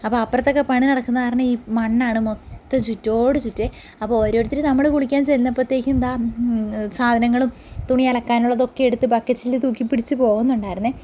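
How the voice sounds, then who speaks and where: A woman's voice: on the high side, steady tone, quick pace, mellow, a little hiss or hum. A woman vlogger narrating her day in a rambling, chatty voice-over, full of tag words.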